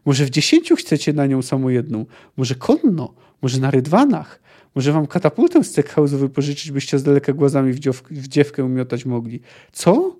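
A man reading aloud, voicing a small male mayor who bellows indignantly in a booming voice. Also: sing-song, normal speed, mellow. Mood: outraged. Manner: roaring, indignant.

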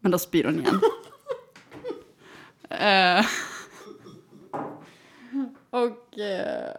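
A woman in her thirties telling a story in a casual, animated chat, with lots of fillers and hesitations. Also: mid-range voice, vocal fry, a little hiss or hum. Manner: animated, full of fillers, acts out quoted voices.

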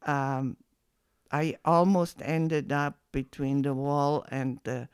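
A woman in her seventies reminiscing in an oral history interview, halting with many restarts. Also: low-pitched, fairly even intonation, a little mellow, smooth, no room sound, studio quality. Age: 70s.

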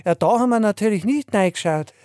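A man's voice: high-pitched, lively intonation, fast, darkish tone, dry recording, studio quality, pitched above the performer's own voice. A man playing a muddled, hesitant male customer who stammers through his answers. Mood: bumbling.

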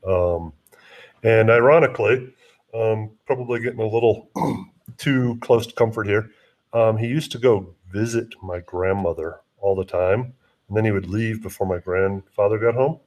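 A man's voice: fairly low pitch, moderate pace, darkish tone. A man from central Wisconsin in a casual podcast chat, telling anecdotes in an easygoing way with many ums.

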